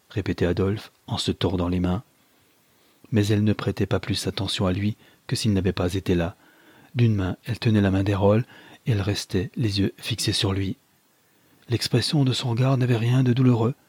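A man reading a novel aloud in steady, dramatic audiobook narration. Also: fairly low pitch, moderate pace, breathy edge, dry recording.

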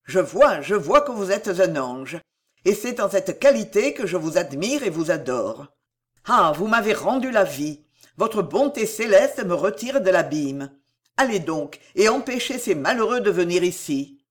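A reader voicing a desperate, ruined man in an audiobook, speaking in a loud, impassioned way. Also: medium pitch, sing-song, unhurried. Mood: effusive. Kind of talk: audiobook reading.

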